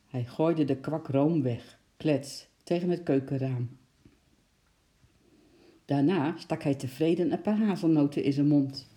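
Very dark-voiced storybook reader. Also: medium pitch. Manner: lively, expressive read-aloud with sound words. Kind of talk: children's storybook reading.

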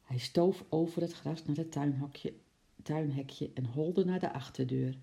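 A narrator reading a children's storybook aloud in a lively, expressive way. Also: mid-range voice, a little slow, vocal fry.

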